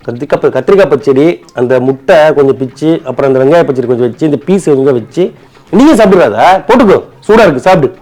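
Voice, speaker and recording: A man's voice: medium pitch, animated, quick pace, darkish tone. A man with a Chennai Tamil accent in a bickering comedy skit, talking colloquially and argumentatively and often repeating himself.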